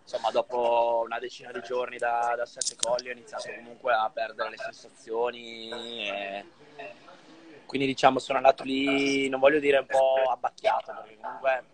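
A man's voice: medium pitch, flat delivery, normal speed. A young adult man, an Olympic swimmer, talking on a video call in a hesitant way, with lots of fillers and restarts. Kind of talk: casual video-call interview.

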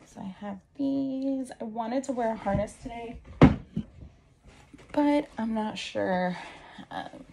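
A woman's voice: fairly high pitch, takes it slowly, long pauses. A woman in her thirties chatting casually and rambling as she gets ready, recorded on a phone in a bedroom. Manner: rambling, talking to herself while busy. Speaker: lifestyle vlogger. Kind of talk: casual get-ready-with-me chat. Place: small bedroom indoors. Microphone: phone propped at about arm's length. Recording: clear background noise and clicks.

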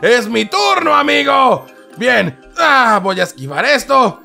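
A man's voice: extremely high pitch, sing-song, slow pace, gravelly, bright, forceful tone, faint music behind. A man giving dramatic, exclamatory gameplay commentary that narrates every move. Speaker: gaming channel host.

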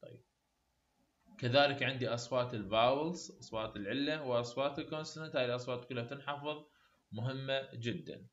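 A man with an Iraqi Arabic accent, a university English teacher explaining phonetics definitions in a lecture, reading the English terms slowly. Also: mid-range voice, lo-fi sound.

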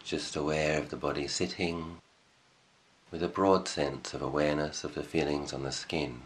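With a rumbling, low voice, a man leads a guided meditation. He talks as a teacher would, calm and unhurried, using brief measured phrases and long silences.

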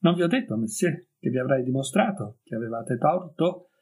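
A man reading the lines of a gentle, mysterious young noblewoman in an audiobook story, in a soft, dreamy and dignified way. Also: mid-range voice, lively intonation, normal speed, slightly rough, low-quality recording.

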